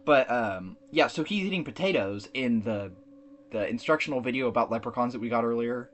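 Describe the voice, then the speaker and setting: A man's voice: mid-range voice, animated, fairly quick, slight background noise. A man co-hosting a podcast, casually recapping a movie plot with lots of fillers and restarts. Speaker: podcast co-host.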